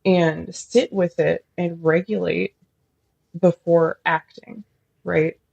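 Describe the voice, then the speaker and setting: A woman's voice: fairly low pitch, flat delivery, slow, creaky, a little mellow, husky, dry recording, highs cut off. A woman social worker as a podcast guest, talking thoughtfully and at length with many fillers. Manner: admits feeling nervous while explaining. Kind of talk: casual podcast interview.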